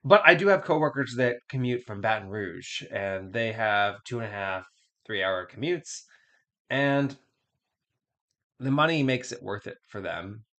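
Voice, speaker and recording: A man's voice: lowish voice, expressive, a little slow, fairly bright tone. A man hosting a podcast, giving candid, blunt advice in a casual chatty way, often repeating words as he restarts. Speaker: podcast host.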